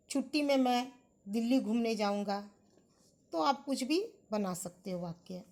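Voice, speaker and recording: Slow, patient Indian woman teacher. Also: a little high. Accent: Indian English. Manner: slow, patient, repeats and contrasts sounds for children. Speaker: school teacher. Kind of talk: online lesson for primary pupils.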